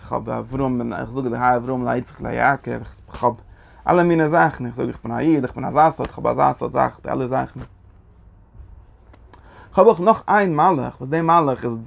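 Gravelly man teaching in a halting way. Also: medium pitch. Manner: halting, repeats phrases, mixes Yiddish and Hebrew terms into German. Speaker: Torah teacher. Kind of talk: Talmudic study lecture.

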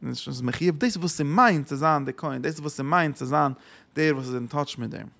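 A man's voice: a little high, brisk, vocal fry, fairly bright tone. A man giving a religious lesson who asks rhetorical questions and repeats his phrases. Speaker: Torah teacher.

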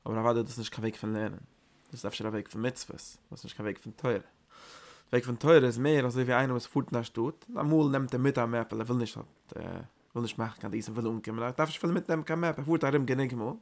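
A man with a gravelly voice teaching a Torah lecture at an ordinary pitch. He pushes out points in loud, emphatic bursts, then repeats and rephrases them with small hesitations. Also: steady tone, quick pace.

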